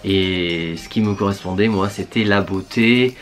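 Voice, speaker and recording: A man's voice: deep voice, unhurried. A man, a beauty vlogger, chatting casually to his viewers while putting on a face mask, thinking aloud with many fillers.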